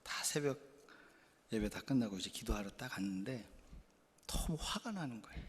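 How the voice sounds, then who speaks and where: A male pastor preaching a sermon through stories, animated and candid, dropping to quiet asides and then rising into loud, emphatic bursts. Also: medium pitch, moderate pace, big-room sound. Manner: candid, self-deprecating confession. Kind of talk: storytelling sermon.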